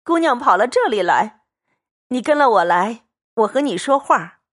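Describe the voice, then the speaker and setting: Wheedling middle-aged sister-in-law read by a woman, coaxing, lively lilting voice, dry sound. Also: on the high side, moderate pace, no echo.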